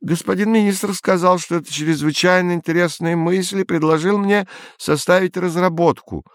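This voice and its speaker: A man voicing a reserved, formal man quietly reporting what was said, in a storybook reading. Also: high-pitched, steady tone, moderate pace, dry recording, clean studio sound, voice pushed up, close to an everyday voice. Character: calm, reserved Japanese man at a drinking party.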